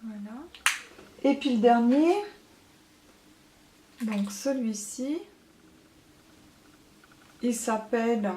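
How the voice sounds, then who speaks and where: A woman's voice: a little high, noisy background. Chatty woman in an echoey room. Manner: chatty, many hesitant fillers. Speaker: beauty vlogger. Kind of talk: casual makeup haul chat.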